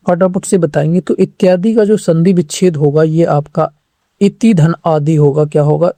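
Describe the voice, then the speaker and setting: Dark-voiced, drilling exam-prep teacher. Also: male voice, a little high, no room sound. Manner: repeats each question and answer as a drill, urging viewers to respond quickly. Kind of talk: online exam-prep lesson.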